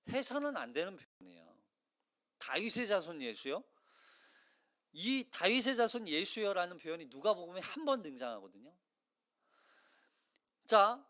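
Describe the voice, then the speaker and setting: A male pastor giving a Sunday sermon in a conversational, animated way, acting out the voices of the crowd. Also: high-pitched. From South Korea.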